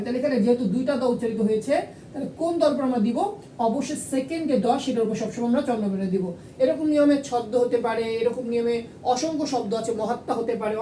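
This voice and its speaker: A woman teacher explaining a lesson step by step, patiently repeating rules and asking and answering her own questions. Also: dark tone. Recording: echoey room, far from the mic, faint rumble.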